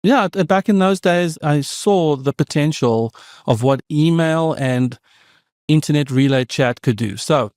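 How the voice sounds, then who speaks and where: A South African tech founder in his fifties, whose first language is Afrikaans, tells stories as a podcast guest with a South African accent. His voice is fairly high, unhurried and a little mellow, recorded in studio quality with no echo. The interview storytelling is conversational, reflective and meandering, full of asides.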